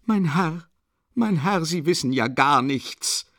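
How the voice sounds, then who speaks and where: A man's voice: high voice, moderate pace, a bit bright, no echo, studio quality, pitched above the performer's own voice. A man reading an audiobook, voicing a proud, desperate widow who shrieks in haughty, breathless outbursts. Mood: shrill indignant.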